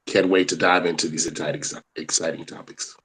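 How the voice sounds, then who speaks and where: A man's voice: low-pitched, little pitch movement, fairly quick, fairly bright tone, a little hiss or hum, poor audio. A man introduces himself as a panelist on a video call, upbeat and brief.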